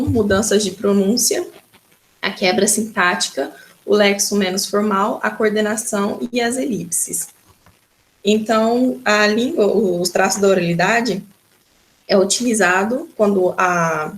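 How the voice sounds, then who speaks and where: A woman teacher with a Brazilian accent giving a recorded school lesson, patiently explaining and often starting her sentences with "então". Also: mid-range voice. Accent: Brazilian Portuguese.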